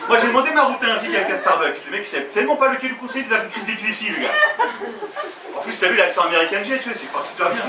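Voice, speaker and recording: Man with a high, lively voice on stage. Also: racing. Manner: animated storytelling, loud put-on voices, crowd banter. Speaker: stand-up comedian. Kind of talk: stand-up comedy routine. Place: comedy stage with live audience. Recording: echoey, distant live room with audience noise. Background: audience laughter.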